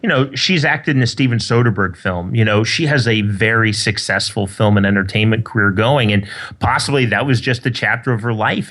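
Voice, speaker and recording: A man's voice: medium pitch, fairly bright tone. A man co-hosting a podcast in casual chat, telling stories in an informed way. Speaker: podcast co-host.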